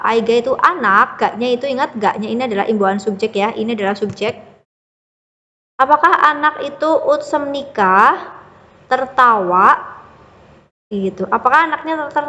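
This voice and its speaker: A woman's voice: on the high side, fairly bright tone. Patient woman teacher with a ringing echo. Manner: patient, explains step by step with frequent "ya" and "gitu". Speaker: Korean language teacher. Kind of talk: classroom-style lesson explanation.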